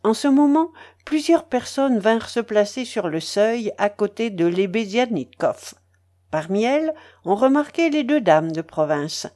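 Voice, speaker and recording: A woman narrating a classic novel as an audiobook in an expressive, theatrical way. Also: fairly high pitch, measured pace. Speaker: audiobook reader.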